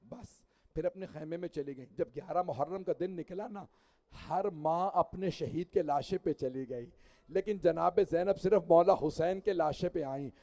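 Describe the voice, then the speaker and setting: A man's voice: a little high, moderate pace, dark tone. A male cleric delivering a mourning sermon in an impassioned, elegiac recitation, tearful at times and swelling into wailing cries. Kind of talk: Shia majlis mourning sermon.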